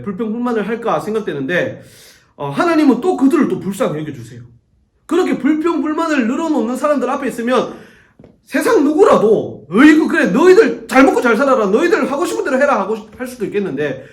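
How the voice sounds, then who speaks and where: A middle-aged male youth pastor preaching a sermon to teenagers in a church, telling the story with animated storytelling. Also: extremely high pitch. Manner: animated storytelling, acts out quoted voices. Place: church sanctuary. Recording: echoey church room.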